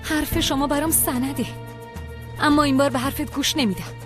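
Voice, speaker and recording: A woman's voice: high-pitched, fairly even intonation, over music, lightly acted. An actress playing an earnest young woman who defends her engagement to her parents in a dubbed TV drama. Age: young adult. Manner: pleading and earnest. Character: young woman in love, defying her mother. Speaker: daughter.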